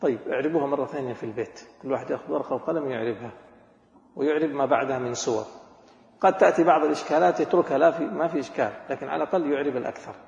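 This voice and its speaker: A man teaching a grammar class, quizzing students and slowly repeating words. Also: medium pitch, creaky, a little mellow. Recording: echoey hall, dull lo-fi recording.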